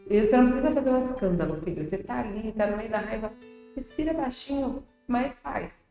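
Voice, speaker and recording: A woman's voice: medium pitch, animated, rapid-fire, warm tone, soft background music. A Brazilian woman giving casual, direct parenting advice to her viewers, speaking in a chatty way. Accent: Brazilian Portuguese. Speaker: parenting educator. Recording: very echoey room with long reverb.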